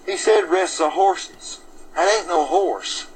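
A man's voice: high voice, slow pace, a little hiss or hum, low-quality recording. An actor playing a mocking frontier townsman in a film, drawling in a Western accent. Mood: taunting. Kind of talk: film dialogue.

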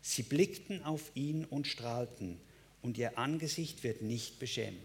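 A man's voice: mid-range voice, a little slow, slight background noise. A male pastor preaching a sermon, emphatic, with repeated phrases and direct address to listeners.

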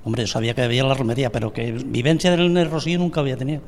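Older man from Andalusia, folksy, halting storyteller, reverberant room. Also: medium pitch, steady tone. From Andalusia, Spain (La Rambla, Córdoba). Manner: hesitant, repeats words, homely storytelling. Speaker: vice president and founding member of a brotherhood. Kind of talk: radio interview answers.

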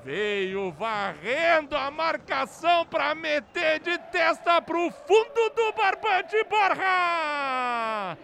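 A man giving explosive football goal commentary, excitedly shouting and stretching out key words. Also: very high-pitched, drawn-out words, vocal fry, a faint crowd, a little hiss or hum.

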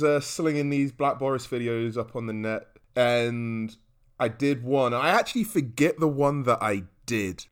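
A man chatting casually on a podcast, telling stories animatedly with lots of fillers and restarts. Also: mid-range voice. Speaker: podcast guest and regular, comedian.

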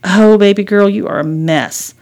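A woman's voice: mid-range voice, moderate pace, a little mellow, pitched above the performer's own voice, natural voice. A woman reading as a wry, sarcastic mother. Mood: teasing. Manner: dry, sarcastic humor. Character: wry, teasing mother driving her daughter.

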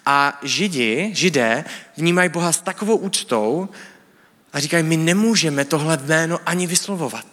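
A man's voice: a little high, a bit bright. A man giving a sermon, explaining things in a casual, teaching way with colloquial speech. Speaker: preacher. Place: church hall. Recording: church hall with long reverb.

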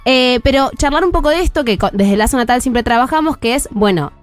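A woman's voice: on the high side, expressive, brisk, soft background music. An Argentine woman, around her thirties, giving a chatty parenting column on radio with plenty of restarts and fillers. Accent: Argentine Spanish.

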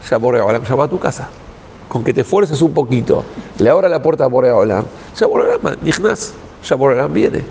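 A man's voice: on the high side, creaky, a little mellow, in a large hall, a little hiss or hum, poor audio. A man with an Argentine Spanish accent, a rabbi giving a Torah talk and telling a story, acting out the dialogue in quoted voices.

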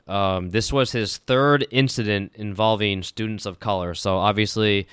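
A laid-back man co-hosting a podcast, walking through a news story in casual chat. His voice is low, smooth and crisp, with a bright edge, and it is recorded close and dry with no room sound. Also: normal speed, dry recording. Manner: laid-back, relaxed delivery with fillers. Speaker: podcast co-host.

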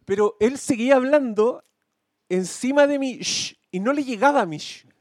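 A man with a Chilean accent telling an animated, slangy story among podcast co-hosts, swearing freely. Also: extremely high pitch, normal speed, no room sound, clean studio sound. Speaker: podcast co-host. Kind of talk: casual storytelling chat.

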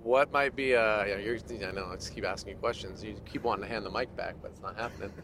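A relaxed man leads an interview and teases his guest between questions. His voice sits low, and faint vehicle noise runs under it. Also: fast talker. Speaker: podcast host. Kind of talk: casual interview. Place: inside a car.

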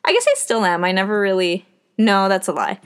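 A woman's voice: mid-range voice, big pitch swings, fairly quick, smooth. Playful self-mocking young woman. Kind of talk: casual chat.

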